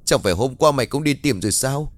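A man's voice: mid-range voice, animated, fast talker, no room sound, voice pushed up, lightly acted. A man voicing an older mother who frets and questions her son in a story. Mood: fretful. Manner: fretful, questioning. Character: older woman, worried anxious mother.

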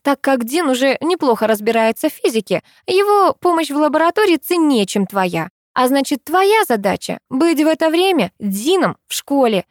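Lady reading as a huffy squeaky schoolgirl, way higher, dry audiobook sound. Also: big pitch swings, normal speed, few pauses, dry recording. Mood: bossy. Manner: indignant, squeaky. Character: bossy prickly teenage girl, quick to bristle. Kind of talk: audiobook character voice.

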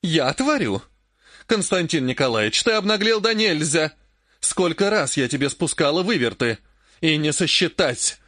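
A man reading an audiobook, voicing a furious, grasping old woman mage in a raised, shrill, scolding voice. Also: animated, moderate pace, fairly bright tone, dry recording, studio quality. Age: older.

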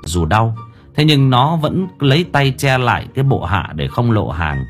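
A man narrating a comic story in a lively, playful storytelling manner. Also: medium pitch, moderate pace. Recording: faint background music.

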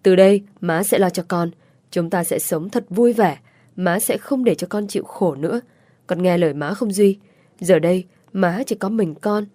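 Brief: woman reading a heartbroken mother in an audiobook, soft and soothing. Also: on the low side, normal speed, no room sound, natural voice. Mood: tender. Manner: soothing, sometimes sharp. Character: heartbroken young mother, tender but strained.

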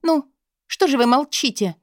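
A woman's voice: sits high, expressive, moderate pace, a little mellow, no room sound, studio quality, pitched above the performer's own voice. A woman voicing a frightened but defiant young female assistant, pleading and indignant.

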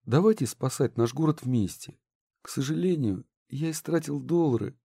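A man's voice: fairly high pitch, moderate pace, vocal fry, dark tone, breathy edge, no echo, studio quality, voice pushed up. A man reading a storybook, voicing a pompous town mayor who is easily rattled and indignant. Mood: flustered.

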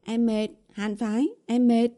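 A woman's voice: fairly high pitch, flat delivery, measured pace, warm tone, voice pushed up, natural voice. A woman voicing a whiny young woman who pleads and sweet-talks her boyfriend, read in an audiobook. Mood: coaxing. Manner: pleading, coaxing. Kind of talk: audiobook character voice.

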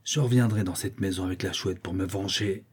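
A man's voice: low-pitched, brisk, slightly rough. A man voicing a blind, brutal old brigand who growls about revenge. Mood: vengeful. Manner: growling, bitter, menacing.

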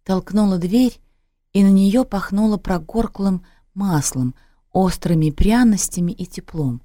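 A woman reading a literary story aloud in a measured, expressive way. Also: medium pitch, dry recording, clean studio sound. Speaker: audiobook narrator.

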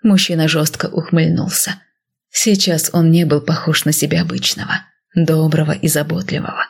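A woman narrating a first-person audiobook in a soft, often whispered voice, husky and breathy. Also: low voice, level tone, moderate pace.

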